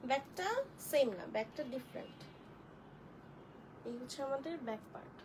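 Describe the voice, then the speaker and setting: A high-voiced woman hosts a live online clothing sale. She chats with viewers, greets them by name and walks through each dress. A faint noise runs under the recording. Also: moderate pace. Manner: chatty, addresses viewers as sisters, greets commenters by name. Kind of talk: live-stream product showcase.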